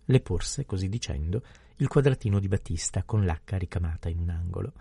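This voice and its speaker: A man narrating a novel in a steady, even literary reading. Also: deep voice, brisk, vocal fry, breathy edge, dry recording. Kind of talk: scripted audiobook narration.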